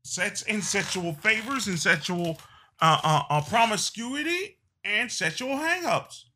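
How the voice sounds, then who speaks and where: A man delivering a political monologue at a slow, deliberate pace. His voice is bright and somewhat high-set, and he hammers points by repeating phrases and restarting sentences. The delivery is emphatic and unscripted. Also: animated. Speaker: political commentator. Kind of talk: opinion monologue.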